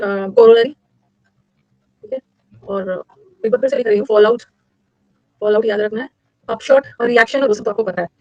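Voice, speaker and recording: Fast-talking energetic woman teacher. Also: no echo. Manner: energetic, repetitive, with sudden high-pitched emphasis. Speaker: English vocabulary teacher. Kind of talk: classroom lecture drilling vocabulary with mnemonics. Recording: dull lo-fi dry recording.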